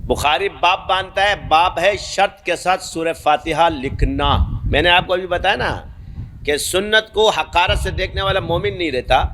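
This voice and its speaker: Emphatic male preacher, higher-pitched voice. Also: fairly bright tone, slight background noise. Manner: rhetorical questions answered himself; scolding, emphatic. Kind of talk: sermon.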